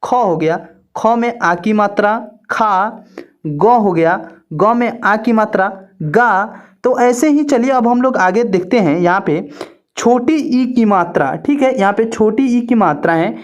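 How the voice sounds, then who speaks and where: A woman, teaching an online alphabet lesson in a patient, repetitive, drawn-out way. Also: mid-range voice, expressive. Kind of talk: slow step-by-step alphabet lesson.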